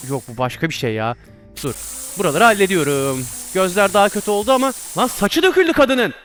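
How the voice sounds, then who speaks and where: Over soft background music, a man streams himself playing a virtual reality doctor game. His high, expressive, slightly bright voice moves briskly as he comments casually, exclaiming and laughing at his own mistakes.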